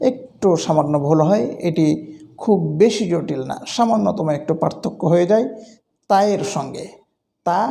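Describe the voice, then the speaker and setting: A man with a high but mellow voice teaches letter pronunciation. He speaks slowly and deliberately and stretches each example sound. His steady instructional delivery suits a recitation lesson. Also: creaky.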